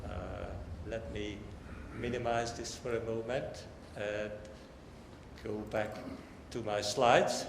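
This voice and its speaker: An older professor, his voice on the low side, talks slowly and pauses often, his intonation fairly even. Even so, his technical lecture stays conversational, with wry asides and emphatic stresses. He is in a large indoor lecture hall that sounds echoey, with faint noise behind him.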